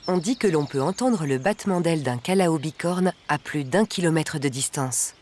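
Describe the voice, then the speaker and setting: A narrator reading a scripted nature documentary in a measured, articulate way. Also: mid-range voice, slight background noise. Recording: background music under the voice. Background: music.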